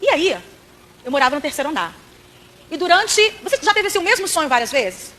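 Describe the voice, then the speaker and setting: A woman's voice: high-pitched, big pitch swings, a little fast, bright, forceful tone. A woman with a Brazilian accent giving a church testimony as a preacher, telling her story dramatically and speaking straight to the congregation.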